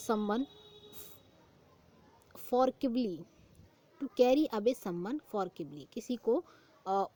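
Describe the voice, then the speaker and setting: A young woman runs an exam-prep vocabulary lesson, reading each English phrase slowly and explaining it in Hindi. She often repeats the answer back as a question. Her voice sits on the high side and sounds mellow.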